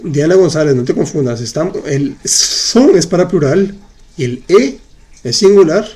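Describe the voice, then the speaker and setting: Guy teaching live online, answering chat, slow and patient, kinda mellow voice. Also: a little high, lively intonation. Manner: patient, explains slowly and repeats. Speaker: French teacher.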